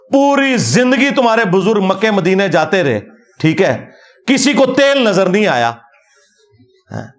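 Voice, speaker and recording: Mocking man, higher voice. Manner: mocking, argumentative. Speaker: religious speaker. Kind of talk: critical religious talk.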